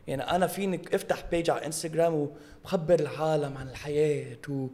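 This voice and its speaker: A Lebanese Arabic-accented man with a fairly high, creaky voice. He chats casually and humorously, mocking the people he describes and mixing English into his sentences. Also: fairly even intonation, racing, dark tone. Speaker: podcast co-host.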